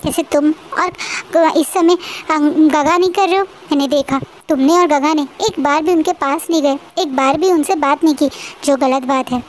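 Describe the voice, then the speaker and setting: A woman voicing a gentle, anxious young man who soothes and pleads in a storybook retelling. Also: high-pitched, normal speed, slight background noise, close to an everyday voice, poor audio. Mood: gently scolding.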